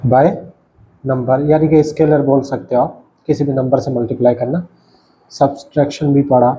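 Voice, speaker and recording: On a dull lo-fi recording with slight background noise, a man gives a lecture at a writing board. His mid-range voice is mellow, his delivery flat, and his pace normal as he patiently explains, repeats himself, and regularly checks that students are with him.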